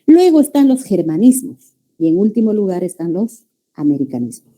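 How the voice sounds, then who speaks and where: Her voice is medium-pitched and dark in tone, sing-song, at a moderate pace, as she lectures a language class. Calling the students "jóvenes", she repeatedly checks their understanding with "¿ya?".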